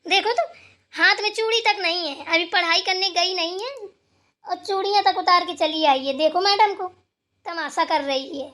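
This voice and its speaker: A woman voicing a sharp-tongued, scolding old mother-in-law in a cartoon, taunting and sarcastic. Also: extremely high pitch, moderate pace. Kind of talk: cartoon voice acting.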